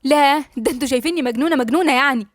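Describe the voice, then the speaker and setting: A woman's voice: sits high, racing, no room sound, studio quality, natural voice. Woman reading as a sarcastic Egyptian doctor-patient. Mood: bitter. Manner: sarcastic, defensive. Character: angry bitter female doctor, now a patient.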